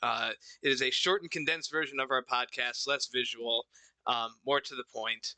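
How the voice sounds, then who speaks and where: Midwestern male podcast host, halting casual delivery, very bright tone, dry close sound. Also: mid-range voice, steady tone, dry recording. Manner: halting, many restarts and fillers. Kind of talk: casual stream chat.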